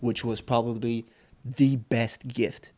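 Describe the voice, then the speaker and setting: A young business owner from Saipan, appearing as an entrepreneur guest, tells his story in a casual interview. He speaks slowly at medium pitch, relaxed and rambling, with many fillers and restarts.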